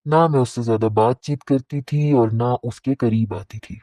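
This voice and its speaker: A man narrating a first-person moral story at a steady, even pace. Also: medium pitch, no echo, rough recording.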